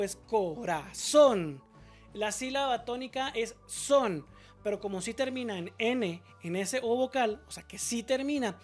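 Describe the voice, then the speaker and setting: A woman teaching a spelling lesson, her voice sitting a little high. She is patient and goes step by step, asking a question and then answering it herself. Example words come out slowly, stretched syllable by syllable, over faint music in the background.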